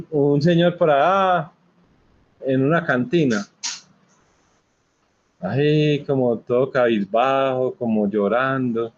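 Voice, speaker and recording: A man leading a study group, telling jokes casually and reading dedications. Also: medium pitch. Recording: dull lo-fi sound.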